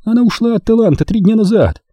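A man voicing a playful, chatty young woman who teases her lover, raising his pitch high. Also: very animated, a little fast, mellow, breathy edge, no room sound, heavily acted. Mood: teasing. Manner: chatty, teasing.

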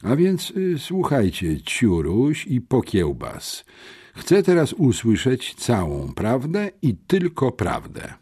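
A man's voice: medium pitch, wildly swooping pitch, slow pace, dark tone, husky, voice pushed up, exaggerated voice. A man voicing a sneering, suspicious male police officer who interrogates two boys in an audiobook. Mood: interrogating. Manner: mocking, mutters, stern interrogator. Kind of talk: audiobook character voice.

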